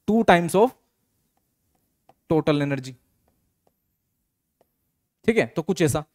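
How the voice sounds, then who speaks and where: High-voiced Indian physics teacher. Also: male voice. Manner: talks students through problems with repeated rhetorical questions; reads English question text slowly. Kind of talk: exam solution walkthrough lesson.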